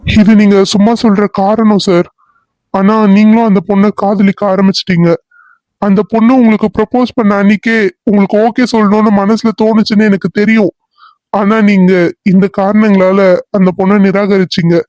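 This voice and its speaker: A man's voice: high-pitched, flat delivery, normal speed, a little mellow, no room sound, muffled recording, lightly acted. Loyal police assistant in a cartoon serial, voiced by a man; earnest and coaxing. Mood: insistent. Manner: coaxing, insistent.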